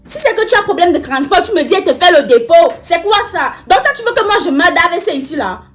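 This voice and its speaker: A woman's voice: high voice, expressive, moderate pace, faint music behind. An actress playing a tired woman pleading with her uncle, insistent and exasperated.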